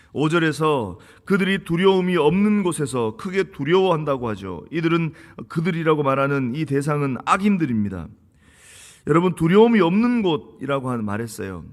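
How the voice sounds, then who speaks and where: A man preaching an early-morning sermon as pastor, with earnest emphatic rises that drop to low, quiet lines. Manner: earnest preaching, rising emphatic bursts then dropping low. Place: church sanctuary. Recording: long hall reverb.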